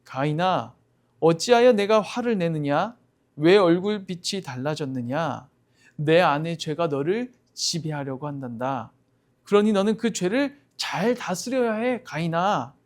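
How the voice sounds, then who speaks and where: A man's voice: a little high, lively intonation, a little slow. A man voicing God as a stern, fatherly figure who rebukes and warns, in a Bible story told to children. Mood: solemn.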